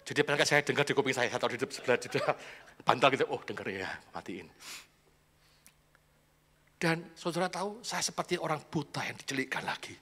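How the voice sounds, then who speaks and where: A man's voice: medium pitch, expressive, fairly quick, bright, forceful tone, breathy edge. A man preaching a sermon, chatty and confiding, laughing often between points. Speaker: pastor. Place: church hall. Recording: echoey church hall.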